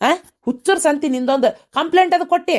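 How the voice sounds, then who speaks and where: A woman doing a henpecked village husband, cartoon comedy, North Karnataka Kannada, whiny grumbling, slightly high voice. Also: fast talker, natural voice. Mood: complaining.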